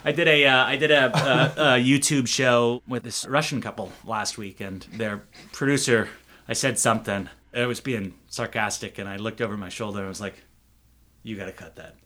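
A man's voice: mid-range voice, fairly even intonation, moderate pace, sharp tone. A man running for city council, talking casually and sarcastically in a podcast interview, often laughing at his own jokes.

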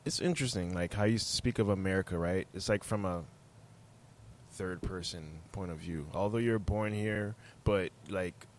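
A man's voice: deep voice, normal speed, a little hiss or hum. A man raised in Haiti, hosting a podcast in a casual, searching way, full of "you know" and "you see what I'm saying". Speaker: podcast host.

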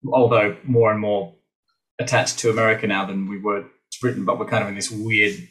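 An Australian actor and voice teacher talks through ideas in a podcast interview, his lowish, slightly bright voice brisk and flat. Thoughtful, he restarts often and acts out the teachers he quotes. The audio quality is poor.

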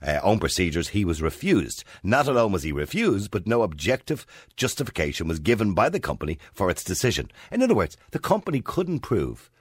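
A man's voice: low voice, sing-song, fairly quick, breathy edge, no echo, clean studio sound. A man in his fifties with an Irish accent, hosting a talk radio show and putting questions to listeners in a chatty, opinionated way. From Ireland. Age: 50s.

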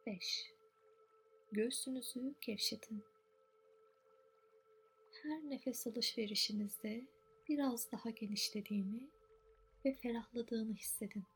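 A woman softly narrating a guided relaxation meditation in a soothing, unhurried way, with long pauses between short phrases. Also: a little high, soft background music.

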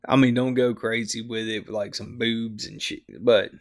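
A man's voice: mid-range voice, level tone, normal speed. A man who is a veteran guest on a podcast, talking in a laid-back, chummy and profane way. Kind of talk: casual conversational interview.

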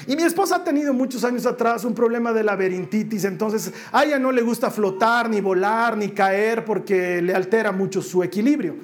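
High-voiced man preaching. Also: brisk, hardly any pauses. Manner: animated storyteller who acts out family voices. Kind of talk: sermon with a personal story.

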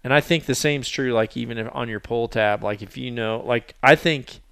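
A man talking casually as a podcast host, drifting through rambling, self-deprecating thoughts full of fillers. His voice is gravelly yet smooth and resonant, and it sounds dry and close to the mic. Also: medium pitch, moderate pace, a bit bright, dry recording. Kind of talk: casual chat.

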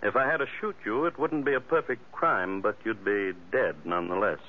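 An actor playing a smug, genteel murderer in an old radio drama, measured and politely menacing. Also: male voice, lowish voice, lightly acted. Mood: polite menace. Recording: thin, phone-like old radio recording.

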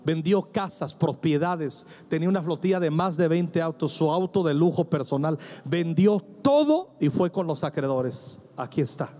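A pastor delivers a sermon in a church full of people, his man's voice pitched fairly high with a dark tone and lively intonation. He speaks at normal speed with few pauses, preaching emphatically, acting out quoted dialogue, and calling on the congregation to answer him.

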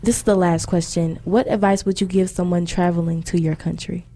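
A woman's voice: fairly low pitch, fairly even intonation, brisk, a crowd in the background. A young woman hosting a student interview, asking questions and encouraging her guests. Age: young adult. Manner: encouraging, brief affirmations.

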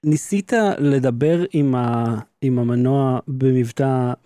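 A man's voice: medium pitch, fairly even intonation, mellow, clean tone, no room sound, studio quality. A man in casual chat, probing and pressing with questions. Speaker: podcast co-host.

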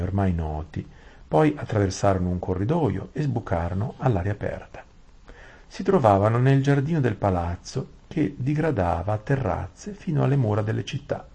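Low, husky man telling a bedtime story softly, stumbling now and then. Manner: gentle, soothing, with small restarts. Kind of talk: reading a bedtime story aloud.

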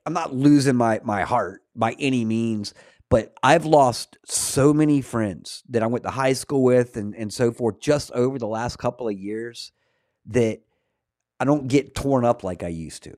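A man's voice: medium pitch, a little slow, darkish tone, no echo, studio quality. A man in his forties hosting a podcast, talking casually in a rambling way and often saying "man". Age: 40s. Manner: rambling, peppers talk with "man". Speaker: podcast host. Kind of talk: casual conversation.

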